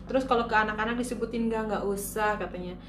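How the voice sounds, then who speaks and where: A woman's voice: medium pitch, fairly even intonation, quick pace, reverberant, background noise. A woman from Indonesia chatting casually in a vlog, showing things she bought to the camera. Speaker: vlogger.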